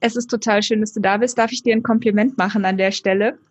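A woman's voice: mid-range voice, fairly even intonation, fast, husky, no echo. A woman hosting a podcast interview, effusive and gushing with compliments for her guest. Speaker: podcast host.

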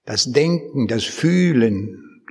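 A man born in East Prussia, preaching a sermon with emphatic, lively delivery and rhetorical questions to his listeners. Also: mid-range voice, takes it slowly, long reverb tail.

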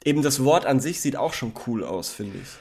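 A man of average pitch talks casually with a co-host, circling his points with plenty of fillers. He sometimes speeds up into quick bursts before slowing to search for the next word. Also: expressive, a little mellow, breathy edge. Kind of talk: casual chat.

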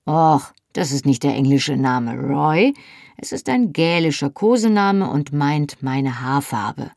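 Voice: mid-range voice, sing-song, slow, vocal fry, darkish tone, no echo, studio quality, heavily acted. A narrator doing a wry young Scottish husband. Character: young Scottish man, wry and good-humoured.

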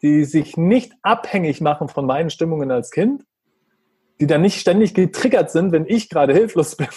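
A man's voice: a little high, moderate pace, darkish tone, husky, no room sound. A man who is a father, talking earnestly about how he treats his young son and acting out their exchanges. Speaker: parent talking about parenting. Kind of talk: reflective conversational talk.

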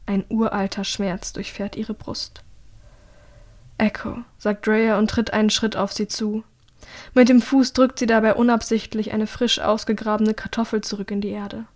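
A woman narrating an audiobook in a calm, measured storytelling voice. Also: mid-range voice. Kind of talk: scripted narration.

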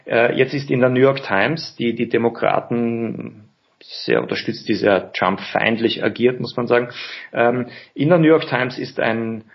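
A man's voice: medium pitch, gravelly. A man hosting a political podcast interview, asking questions at length. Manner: asks questions at length, measured. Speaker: podcast host. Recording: dull lo-fi audio.

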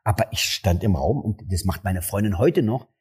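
Husky comedian telling stories. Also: male voice, normal speed. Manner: animated, acts out dialogue with jumps in pitch. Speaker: stand-up comedian. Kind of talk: casual interview storytelling.

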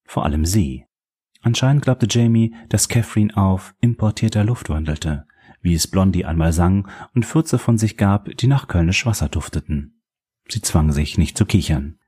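A man narrating a crime novel as an audiobook, in a steady, measured reading voice. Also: low-pitched, husky.

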